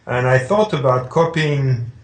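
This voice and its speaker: A man's voice: medium pitch, a little slow. A middle-aged man from Switzerland, a painter being interviewed, telling his story with hesitations and restarts. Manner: hesitant, with restarts, recounting calmly. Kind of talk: conversational interview. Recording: echoey room.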